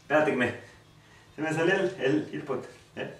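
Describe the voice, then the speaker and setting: A man from Mexico with a northern Mexican accent, trash-talking loudly in slang while playing a VR boxing game. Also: on the high side, normal speed, soft background music. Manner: rowdy slang-heavy trash talk, shouting at the game. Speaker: gaming youtuber. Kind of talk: excited let's-play commentary. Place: room at home, playing a VR game. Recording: echoey room, distant from the mic, faint noise.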